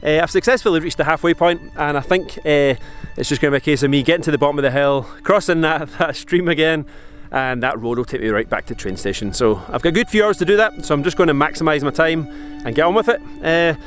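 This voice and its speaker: A Scottish man in his forties speaks to the camera out on a mountain, pausing and restarting as he thinks aloud. His voice sits a touch high and a little shaky from the cold. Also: expressive, soft background music. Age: 40s. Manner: halting, reflective, many restarts and fillers. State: shivering in the cold. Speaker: vlogger. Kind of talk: casual talk to camera. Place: outdoors on a mountain.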